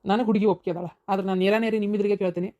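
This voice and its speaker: A woman's voice: mid-range voice, steady tone, racing, mellow, no room sound, muffled recording, close to an everyday voice. A woman voicing a frank, straightforward young groom in a cartoon, with a North Karnataka Kannada accent. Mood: earnest. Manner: frank, matter-of-fact.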